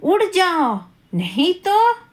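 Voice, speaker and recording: A woman's voice: high-pitched, sing-song, drawn-out words, full character voice. A woman voicing a bossy, selfish male bumblebee in a children's story, demanding and threatening.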